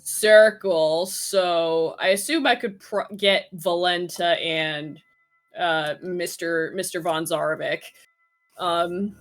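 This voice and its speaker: A woman's voice: on the low side, fairly even intonation, takes it slowly, faint music behind. A woman playing a tabletop game, playful and swearing freely. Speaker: player.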